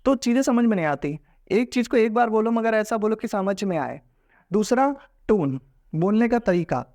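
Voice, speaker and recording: A man's voice: sits high, lively intonation, normal speed, darkish tone. A man with an Indian accent teaching a lesson in a casual, explanatory way, mixing Hindi and English. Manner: explanatory, mixes Hindi and English, acts out example voices.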